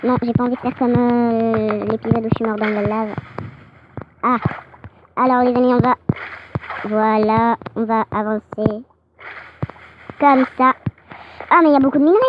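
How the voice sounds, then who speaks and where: A woman giving excitable, chatty gameplay commentary, her voice sped up and pitched higher. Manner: excitable, chatty, frequent exclamations. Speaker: game channel host. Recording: dull lo-fi audio with clear noise.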